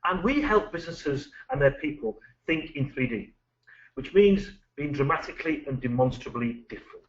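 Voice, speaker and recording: A middle-aged British man, a management consultant, presenting a business webinar with lively, anecdotal, punchy delivery. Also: a little high, normal speed. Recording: dull lo-fi recording.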